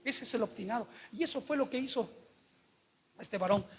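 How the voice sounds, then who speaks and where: High-voiced husky preacher man. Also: moderate pace. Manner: emphatic, asks the congregation rhetorical questions. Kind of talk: sermon.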